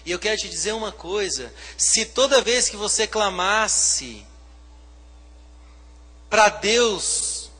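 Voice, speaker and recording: A pastor with a Brazilian Portuguese accent preaches a fervent sermon, swinging between hushed passages and loud ones. He has a high voice, and the sound is that of a big room.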